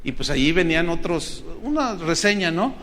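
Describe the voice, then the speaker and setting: Mexican pastor, male, high-pitched preacher, animated and earnest. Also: moderate pace. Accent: Mexican Spanish. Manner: earnest, animated storytelling with acted quotes. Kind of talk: sermon. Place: church hall with congregation.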